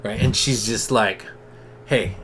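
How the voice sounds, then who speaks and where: A man's voice: medium pitch, moderate pace, a bit bright, slight background noise. A man co-hosting a casual comic book discussion, enthusiastic and slangy. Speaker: comic book podcast co-host. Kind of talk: casual chat.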